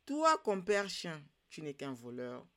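A woman's voice: low voice, wildly swooping pitch, slow, fairly bright tone, exaggerated voice. Woman playing a proud, crafty wild cat. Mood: angry. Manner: commanding, scolding.

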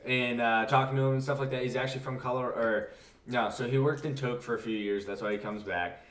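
A man's voice: medium pitch, fairly even intonation, fairly quick, fairly bright tone, roomy sound, distant mic. A man hosting a podcast in a casual, rambling way with many fillers. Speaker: podcast host. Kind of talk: casual chat.

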